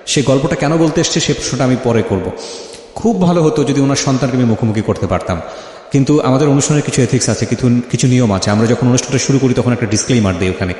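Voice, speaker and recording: A man hosting a life-story interview speaks fast in a mid-range, darkish voice, emphatic and repeating phrases for stress as he questions his guest and addresses listeners. The recording is very echoey with long reverb.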